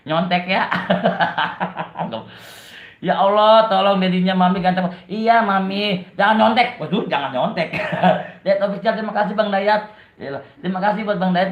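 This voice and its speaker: A man's voice: high-pitched, vocal fry. Joking Betawi man on a lo-fi live stream. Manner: joking and teasing, laughs often. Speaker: live-stream host reading viewer comments. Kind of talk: casual live-stream chat. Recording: dull, roomy lo-fi live stream.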